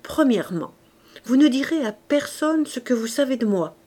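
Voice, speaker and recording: A woman reading aloud, voicing a serious middle-aged man in a lower, measured tone. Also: expressive, mellow. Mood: grave.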